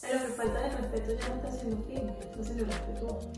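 High-voiced woman in an echoey room. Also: fast. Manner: animated, acts out quotes. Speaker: co-host. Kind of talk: casual chat. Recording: echoey room, far from mic, with music.

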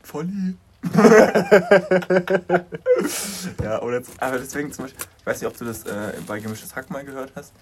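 A young man co-hosting a podcast in casual chat, animated and quick to laugh as he tells stories. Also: medium pitch, slight background noise. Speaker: podcast co-host.

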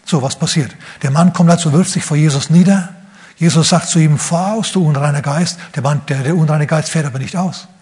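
A preacher with a husky, rough-edged voice that sits somewhat high for a man. He tells the story as a lively sermon and slips into the voices of the people in it. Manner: acts out the figures in quick asides.

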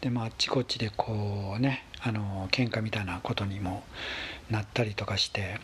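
A man with a husky voice, telling a story in a casual, polite monologue with gentle pauses. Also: on the low side, steady tone, a little hiss or hum. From Kansai, Japan. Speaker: solo talk show host.

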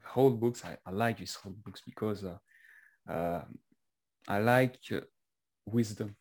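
A man with a French accent interviewing a guest, speaking haltingly with many fillers and restarts. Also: on the low side, darkish tone. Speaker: interviewer and author. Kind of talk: casual conversational interview.

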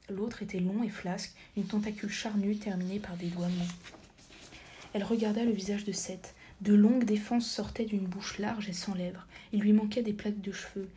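Woman narrating in a soft half-whisper. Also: medium pitch. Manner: soft, half-whispered, occasional slips and corrections. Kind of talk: whispered audiobook reading.

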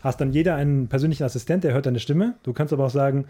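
A man's voice: medium pitch, racing, mellow. A man hosting a casual podcast chat, explaining at length with many fillers. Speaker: podcast host.

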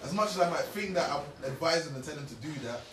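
A man's voice: a little high, lively intonation, fast, a little hiss or hum. Reasoning young London man in echoey room. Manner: reasoning, explanatory, repeats points for emphasis. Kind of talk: casual chat. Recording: echoey room, distant from mic.

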